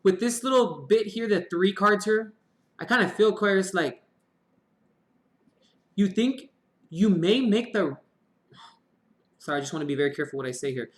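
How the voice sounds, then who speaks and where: A high-voiced man gives a casual tarot reading on a live stream, speaking expressively at normal speed with frequent pauses. He's chatty, swears now and then, and murmurs prayers as he draws cards. The live-stream mic picks him up in an echoey room.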